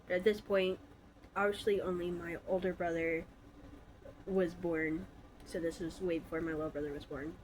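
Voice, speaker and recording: A vlogger in her twenties from Alabama, stuffy from a cold, tells her own story in a casual, hesitant way full of fillers. Her voice is on the low side and a little mellow, with fairly even intonation and a moderate pace, in a low-quality recording with slight background noise.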